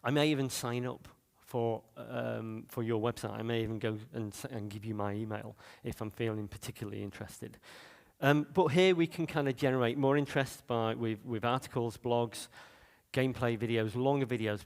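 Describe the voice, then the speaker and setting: In a hall with long reverb, a Manchester-born man gives a conversational conference talk on game marketing, his Mancunian accent clear. His medium-pitched voice is creaky, and he keeps using fillers and restarting sentences.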